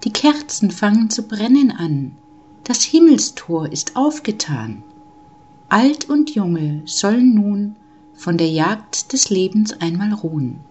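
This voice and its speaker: A woman voicing the Christ Child in a recited Christmas poem, high and urging. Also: animated, slow pace, darkish tone, slightly rough. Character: the Christ Child, small, bright and eager.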